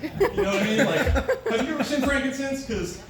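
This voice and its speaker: A man's voice: very high voice, fast talker. A man performing a conversational stand-up comedy set at an open mic, telling stories and slipping into quoted voices. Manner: conversational storytelling with put-on voices. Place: live open-mic venue with a small audience. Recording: echoey room, distant mic, noisy.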